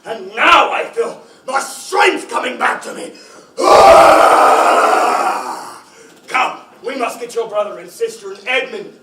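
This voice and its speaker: An actor playing a great noble lion in a live children's stage play, speaking in a stately, proclaiming manner. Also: male voice, high voice, fairly quick, few pauses, a loud crowd, heavy background noise, close to an everyday voice. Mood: triumphant. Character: great noble male lion, risen and commanding. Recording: echoey room from far off.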